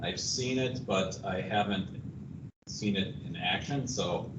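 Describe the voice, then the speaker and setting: A man attending an online meeting, giving casual, somewhat halting remarks. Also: sits low. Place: online meeting, far from the mic. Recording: distant echoey mic, dull and noisy.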